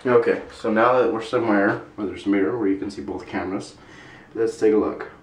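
A man's voice: fairly low pitch, a little fast, noisy background. A man chatting casually in a daily vlog, rambling and amused at himself. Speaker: vlogger.

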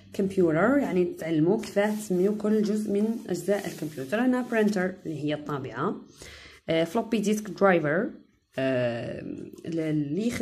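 A woman's voice: lowish voice, a little mellow, a little hiss or hum. A woman English teacher with an Algerian Arabic accent, giving a chatty recorded lesson that explains English terms in dialect, with frequent hesitations.

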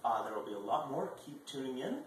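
A man in his twenties vlogs from his dining room table, talking to the camera in a fairly quick, sing-song, medium-pitched voice, with abrupt bursts of volume. Recorded on a far-off camera mic, the audio has echo and faint background noise.

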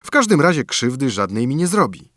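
A clever young lad speaks up high and eager, bold and earnest, as a man puts him on. His voice leaps about with lively pitch, and it is recorded close and dry. It is a plucky storybook hero. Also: brisk, no room sound. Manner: raised, bright, earnest voice. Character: bold, clever young male student, a son.

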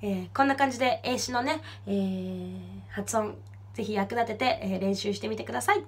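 A young woman teaching a singing lesson, explaining pronunciation and demonstrating lyric lines slowly and clearly. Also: mid-range voice. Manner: slow, clear demonstration of English lyrics, then brisk explanation. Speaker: vocal teacher.

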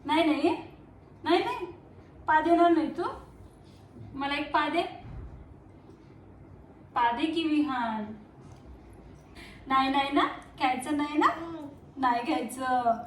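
A woman's voice: high voice, takes it slowly, long pauses. A young woman, vlogging at home and talking to her baby in coaxing, sing-song baby talk. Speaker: vlogger and mother. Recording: echoey room with faint background noise.

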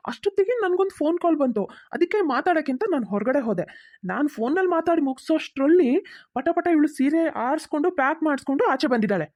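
A woman's voice: high voice, animated, darkish tone, dry recording, studio quality. A woman voicing a firm, fair-minded cartoon husband. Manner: firm, quick questioning.

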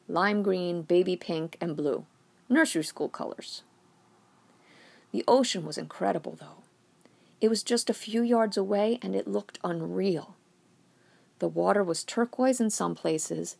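A woman's voice: lowish voice, gravelly. A woman reading a short story aloud in a wry first-person narration. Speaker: reader.

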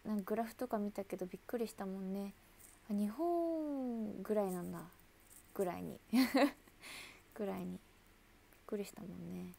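A woman's voice: mid-range voice, lively intonation, a little fast, creaky, mellow, a little hiss or hum. A woman idol chatting casually with viewers on a livestream, talkative and laughing often.

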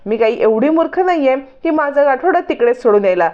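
A woman's voice: sits high, expressive, a little fast, darkish tone, highs cut off, voice pushed up. A woman voicing a cunning young woman who talks smugly and reassures. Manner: smug, reassuring.

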